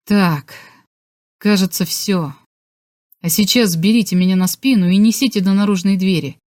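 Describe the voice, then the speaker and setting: A woman's voice: medium pitch, normal speed, darkish tone, natural voice. A woman voicing a secretive, urgent fugitive man. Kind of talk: audiobook character voice.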